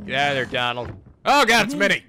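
A man hosting a comedic let's play, talking in an animated, joking way and swearing often. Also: a little high, fast, a little hiss or hum.

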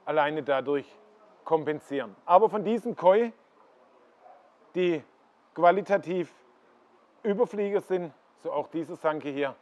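A man's voice: fairly high pitch, unhurried, pauses often, darkish tone. A middle-aged man leads a walking tour through greenhouse koi ponds, pointing out fish and explaining their qualities. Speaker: koi dealer giving a farm tour. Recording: slightly dull lo-fi sound.

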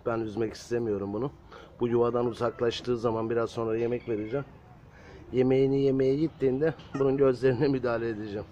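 A man talking casually to viewers in a garden, gently coaxing cats. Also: mid-range voice, steady tone, fast, lo-fi sound. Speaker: vlogger caring for stray kittens. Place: outdoor garden.

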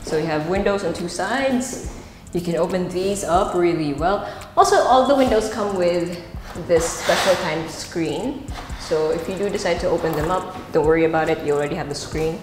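Walking through empty rooms and a stairwell indoors, a Filipino-accented woman hosts an informal property tour in a fairly low voice. She keeps a moderate pace with few pauses, chatting unscripted and slipping in Tagalog asides. She wears a wireless body mic with the pack at her waist, and the bare rooms echo while music plays beneath her.

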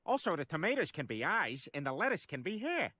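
Peter, a goofy, blustering cartoon dad. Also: male voice, fairly high pitch, sing-song, brisk, sharp tone, no room sound, heavily acted. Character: dim-witted, heavyset cartoon dad.

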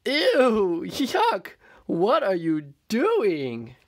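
A man's voice: sits high, huge pitch swings, very slow, pitched above the performer's own voice, exaggerated voice. A man voicing a pack of small, scornful naked mole rats in a children's storybook reading. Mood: disgusted.

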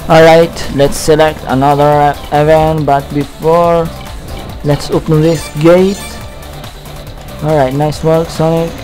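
Slow-talking man from Tunisia, English not native. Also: on the high side, low-quality recording. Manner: excitable, swears at the game, halting English. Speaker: let's player. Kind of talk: live gameplay commentary. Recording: loud game music behind. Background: racing game music.

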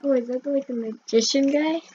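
High voiced woman joking along while her friend plays, muffled mic, slight hiss. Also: fairly quick, a little mellow. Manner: playful, giggly side comments. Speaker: co-player. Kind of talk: casual chat. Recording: dull lo-fi mic with faint hiss.

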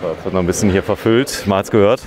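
Talking fast in a low voice, a video host wanders a demolition site, chatting with workers, asking questions and remarking on the work. It's vlog-style commentary recorded outdoors with traffic noise around him.

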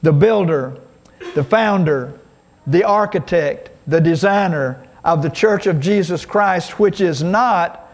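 High-voiced preaching man, slow and emphatic. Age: older. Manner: preacherly, slow emphatic cadence with call-and-response. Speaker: pastor. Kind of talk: sermon.

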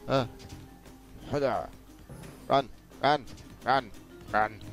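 Speaking extremely slowly at medium pitch with a bit of brightness, a man hosts a gaming video. His commentary is casual, playful, and talkative, studded with exclaimed sound effects, while video game music and sounds play and the game audio doubles up.

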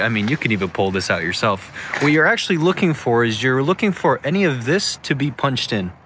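Young guy vlogging on his phone, chatty and excited, faint noise behind. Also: mid-range voice. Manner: enthusiastic, chatty, thinking aloud. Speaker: vlog host. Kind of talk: casual walkaround vlog. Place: inside a parked car, then outdoors at an auction lot. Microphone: phone held at arm's length.

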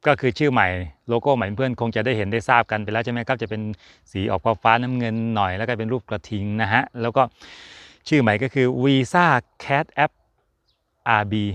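A man in mid pitch chats casually about racing, jokey and loose, full of fillers and asides. His voice is smooth and resonant. It sounds close and dry, with no room around it. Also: a little fast, fairly bright tone, no echo. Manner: chatty, jokey, rambling with fillers. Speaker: F1 channel host. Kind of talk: casual chat to camera.

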